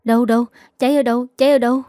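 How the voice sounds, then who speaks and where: A woman voicing a clumsy, put-upon young male servant who talks in a quick, whiny, flustered way. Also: high voice, a little mellow, dry recording, studio quality, lightly acted. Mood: panicked.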